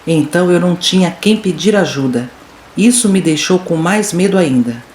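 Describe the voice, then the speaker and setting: A woman's voice: on the low side, expressive, normal speed, darkish tone. A woman reading a listener's horror story aloud in first person, with dramatic, suspenseful storytelling. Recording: roomy room echo with faint noise.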